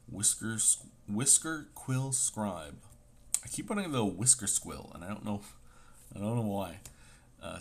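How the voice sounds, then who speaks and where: A man's voice: lowish voice, gravelly, a little hiss or hum. A man casually chatting with a sore throat as he opens card packs, reading card names aloud with playful asides. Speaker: host opening trading card packs. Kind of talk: casual chat.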